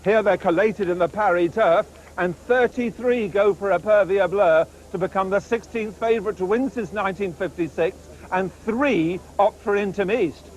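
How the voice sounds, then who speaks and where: A man's voice: high-pitched, normal speed, hardly any pauses, slight background noise, rough recording. A man reporting live on the betting at a racecourse in jokey, colourful slang.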